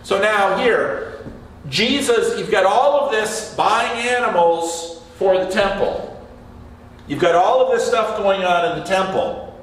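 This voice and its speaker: This pastor has a high-pitched voice and preaches slowly, talking with his congregation and putting questions to them during the sermon. The recording, made from a distance in an echoey church sanctuary, carries a little hiss or hum.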